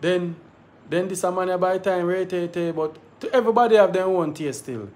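A man's voice: high voice, brisk, a little mellow. Jamaican man hosting a call-in show. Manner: patois-heavy, laughing banter. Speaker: live show host. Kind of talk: casual live call-in chat. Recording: faint background noise.

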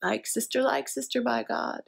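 A woman's voice: on the high side, normal speed, gravelly. A woman performing a theatrical monologue as a wry, hard-drinking middle-aged woman, sardonic and self-mocking.

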